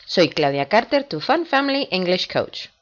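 Low-voiced woman teaching English. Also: very animated, very noisy. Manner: patient, repeats words slowly for imitation. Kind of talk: video lesson, explaining and drilling words. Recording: dull lo-fi recording.

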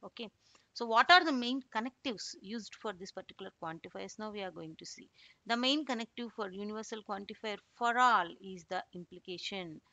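Woman teaching over slides, bright voice, dry close mic, lots of okays. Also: mid-range voice, a little fast, no room sound. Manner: explains step by step with frequent "okay"s and fillers. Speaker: instructor. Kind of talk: slide lecture.

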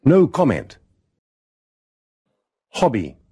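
Model voice: English man, slow, careful word-by-word delivery, rough husky tone. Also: medium pitch, wildly swooping pitch, mellow. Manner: careful, isolated words for learners to repeat. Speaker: pronunciation model voice. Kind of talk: slow model pronunciation of single words.

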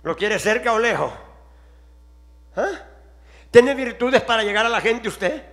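High-voiced fervent preacher man. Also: animated, unhurried. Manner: fervent, shifting between quiet questions and shouting. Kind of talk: sermon.

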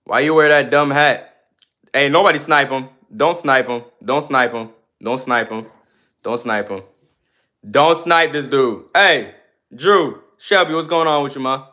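A man's voice: medium pitch, measured pace, sharp tone. A man in his twenties livestreaming, reading viewer comments aloud and answering them in loose, slangy, sometimes ranting casual chat. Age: 20s.

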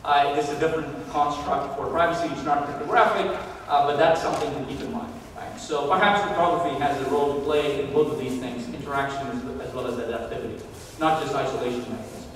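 A man giving a conference keynote lecture, measured and pausing often with "uh" while he thinks. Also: a little high, steady tone, fairly bright tone, a little hiss or hum. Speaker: keynote speaker. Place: large lecture hall. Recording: echoey hall recorded from far off.

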